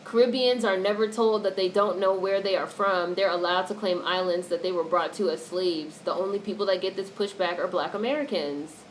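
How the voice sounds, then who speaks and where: On a casual livestream, a woman reads chat comments and fires back blunt opinions, swearing liberally. Her lowish voice keeps fairly even intonation and moves briskly with hardly any pauses, and the audio is noisy with background noise.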